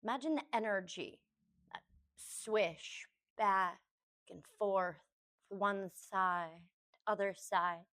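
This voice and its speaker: This is a woman of medium pitch leading guided meditation as a yoga teacher. She gives unhurried, gentle cues in short phrases, pausing between each.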